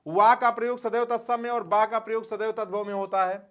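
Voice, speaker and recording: A man's voice: high-pitched, fairly even intonation, brisk, a bit bright, clean tone. A man teaching grammar for exams in a folksy manner, asking questions and answering them himself and calling his students dear friends. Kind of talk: exam-prep lesson.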